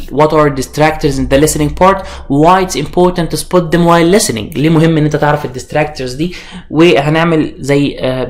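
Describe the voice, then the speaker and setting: A young man with an Egyptian Arabic accent, giving an online course introduction as an IELTS instructor and mixing English terms into his Arabic, with frequent fillers and restarts. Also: medium pitch.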